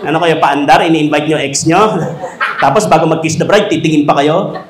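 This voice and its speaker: A man giving a humorous, animated talk to teachers in a school hall. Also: on the high side, brisk. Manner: animated, joking, acts out quoted voices. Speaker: speaker at a teachers' seminar. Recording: echoey hall.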